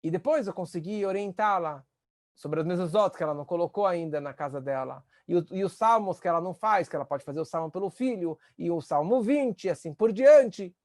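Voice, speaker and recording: A man, a rabbi teaching a class on empathy, earnest, and acting out the voices he quotes with sudden rises in pitch. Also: lively intonation, a little fast, a little mellow, no echo, clean studio sound. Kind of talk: spoken lesson on empathy.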